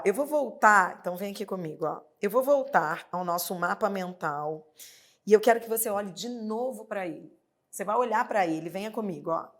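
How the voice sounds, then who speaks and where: A woman with a Brazilian Portuguese accent teaching grammar in an online exam-prep lesson, stretching out her examples and asking rhetorical questions. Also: fairly high pitch.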